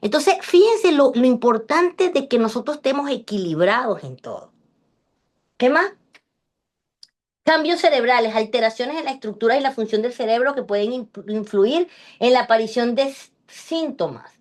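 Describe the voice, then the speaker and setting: Lively woman teaching online. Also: on the high side, normal speed. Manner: lively, chatty, jokes with the class. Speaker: class instructor. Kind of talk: online lecture.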